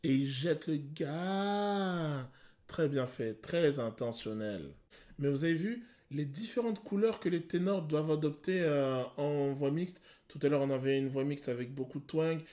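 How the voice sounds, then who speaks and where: A male vocal coach explaining singing technique to viewers, pausing to sing short examples. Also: fairly high pitch, warm tone. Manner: explanatory, addresses viewers, sings short demos. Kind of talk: vocal analysis video commentary.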